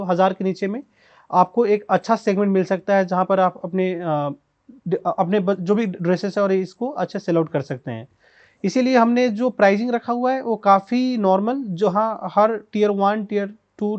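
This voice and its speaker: A man's voice: high-pitched, darkish tone. Hesitant man, dull lo-fi sound. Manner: hesitant, many filler pauses. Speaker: startup co-founder. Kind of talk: podcast interview answers.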